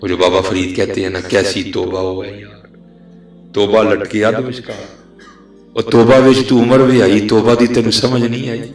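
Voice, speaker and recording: A man preaching a sermon and telling a story dramatically, swinging between loud declaiming and hushed tones. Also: fairly low pitch, flat delivery. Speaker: religious preacher. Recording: roomy echo, faint music.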